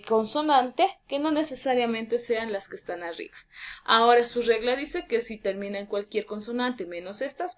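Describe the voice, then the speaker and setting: A woman teacher giving a lesson, explaining clearly and drawing out key words slowly for emphasis. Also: fairly high pitch.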